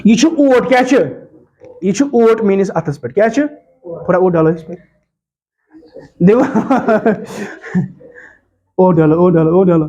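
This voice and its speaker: A man teaching pronunciation to a class, repeating words slowly in drills and checking whether the students follow. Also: high-pitched, animated, mellow.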